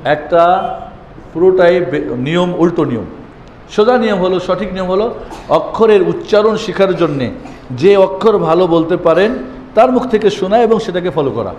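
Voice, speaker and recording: A man, leading a Quran lesson. He chants the Arabic letter names loudly so his listeners can repeat them. His voice rings around a reverberant hall over faint background ambience. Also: high-pitched, expressive, normal speed, dull audio, a little hiss or hum. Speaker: Quran teacher.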